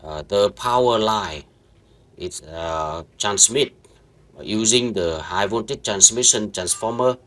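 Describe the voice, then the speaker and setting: A networking instructor with a low, fairly bright voice leads viewers through a screen-recorded software walkthrough. He speaks slowly and haltingly, building sentences with lots of fillers, false starts and restarts.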